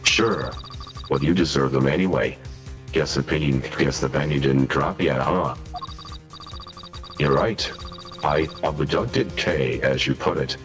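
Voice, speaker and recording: Smug caller, voice changer pitched very deep. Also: male voice, faint music behind. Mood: taunting. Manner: smug, taunting, unhurried. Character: mocking male mastermind caller, smug and taunting. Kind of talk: fan dub of a video game.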